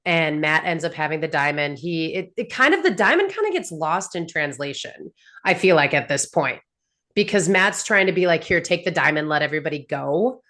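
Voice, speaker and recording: Animated woman recapping a show. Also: low voice, moderate pace. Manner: animated, filler-heavy, laughing storyteller. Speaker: podcast host. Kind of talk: casual recap chat.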